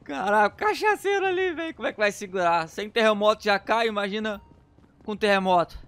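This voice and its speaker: A man giving frantic let's-play commentary, yelling commands at the game. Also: sits high, expressive, fairly quick. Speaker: gaming YouTuber.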